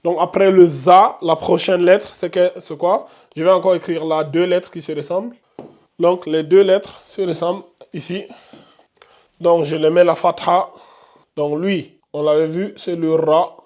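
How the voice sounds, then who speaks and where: Patient teacher, higher-pitched man. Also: steady tone, unhurried, darkish tone. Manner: repetitive, patient, thinks aloud with fillers. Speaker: Arabic and Quran reading teacher. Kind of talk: online lesson, writing on a board while explaining.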